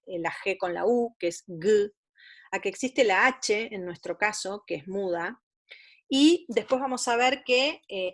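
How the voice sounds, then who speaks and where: A woman psychopedagogue giving an explanatory lecture to parents, patiently listing items one by one and now and then stumbling and correcting herself. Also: mid-range voice. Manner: patient, methodical, lists items step by step.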